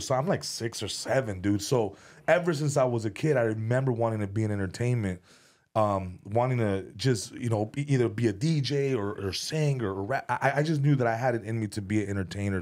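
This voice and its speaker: An American comedian and music video director chats casually as a podcast guest in a fairly low, slightly mellow voice, speaking briskly. He rambles, restarting sentences and repeating words, and swears freely.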